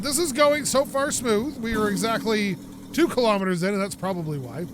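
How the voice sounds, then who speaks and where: A North American man with a high voice hosts a let's-play video, chatting and joking casually as he plays. He's got the sniffles, wanders into rambling asides, and there's noise in the background.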